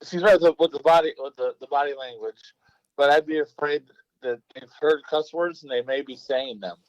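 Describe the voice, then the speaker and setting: A man's voice: a little high, fairly even intonation, fairly quick, no echo, low-quality recording. A man co-hosting a casual talk show, easygoing and joking. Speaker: co-host. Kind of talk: casual chat.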